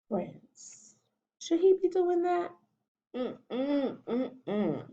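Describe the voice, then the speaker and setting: A woman teacher reading a picture book aloud to children, animated and stopping often to ask them questions. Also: sits high, very slow. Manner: animated, asks children questions as she reads. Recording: dull lo-fi recording.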